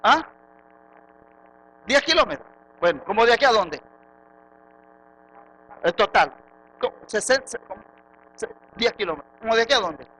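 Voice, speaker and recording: A man with a Venezuelan accent, a pastor preaching a sermon in church, swinging from soft asides to loud rhetorical questions. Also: high-pitched, big pitch swings, normal speed, pauses often, husky, rough recording. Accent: Venezuelan Spanish. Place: church sanctuary.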